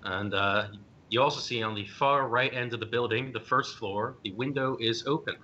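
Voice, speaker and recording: A man narrating as game master, pausing often with ums and uhs as he describes scenes. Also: sharp tone. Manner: hesitant, many ums and uhs. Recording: dull lo-fi stream audio with faint rumble.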